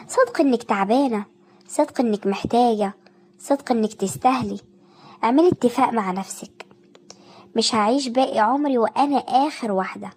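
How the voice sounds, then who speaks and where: Breathy Egyptian woman narrating softly. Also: fairly high pitch. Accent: Egyptian Arabic. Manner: soft, intimate, speaking directly to the listener. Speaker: narrator of a self-care video. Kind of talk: scripted motivational narration.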